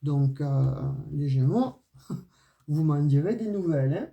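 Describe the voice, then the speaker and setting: A woman with a deep, warm, animated voice gives a casual tarot and oracle card reading, speaking slowly in a regional, non-Parisian French accent. She's chatty, talks straight to her viewers and fills her speech with "euh" and "hein," on lo-fi audio.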